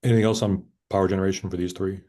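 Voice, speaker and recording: Deep-voiced man leading a committee meeting. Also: flat delivery, racing, dark tone. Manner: orderly, walks through schedules and bids step by step. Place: town committee meeting room.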